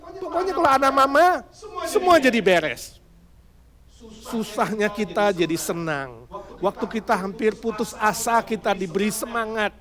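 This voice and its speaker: A male pastor with an Indonesian accent giving a humorous, animated sermon, laughing along with his congregation and acting out the voices in his story. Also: sits high, normal speed, crowd noise. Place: church hall with congregation.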